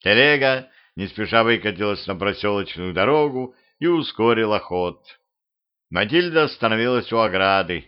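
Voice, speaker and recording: A man narrating a humorous homemade audiobook in a lively, expressive way. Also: lowish voice, moderate pace, clear, resonant tone. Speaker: audiobook reader. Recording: dull lo-fi home recording.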